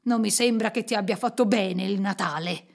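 A woman's voice: medium pitch, moderate pace, vocal fry. A woman voicing a miserly, grumpy old man who scorns everyone. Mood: scornful. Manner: sharp, scornful.

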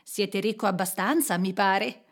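A woman's voice: mid-range voice, measured pace. A woman voicing a cheerful young man full of good humour. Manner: bright, jovial.

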